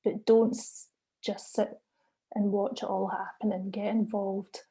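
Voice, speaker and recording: A middle-aged woman, giving an earnest, encouraging talk as a senior doctor at a measured pace. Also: mid-range voice, flat delivery, vocal fry, mellow, husky. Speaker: consultant geriatrician giving a talk. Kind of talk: recorded conference presentation.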